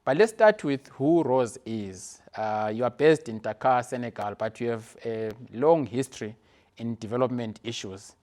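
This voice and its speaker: A middle-aged man hosting a podcast, asking questions in a measured way with some fillers. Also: medium pitch, lively intonation, a little mellow. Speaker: podcast host. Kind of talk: interview.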